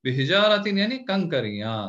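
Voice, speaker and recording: A male teacher working slowly through a word-by-word scripture grammar lesson. His voice is animated and moves up and down a lot as he repeats words and meanings and checks that his students follow. The recording sounds a little dull and lo-fi. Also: high-pitched. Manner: keeps checking in with "theek hai na?".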